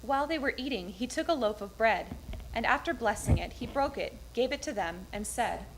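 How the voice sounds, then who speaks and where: A woman's voice: a little high, animated, brisk. A woman giving a formal reading of scripture at a church service. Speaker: scripture reader at a Good Friday service. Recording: clearly noisy live recording.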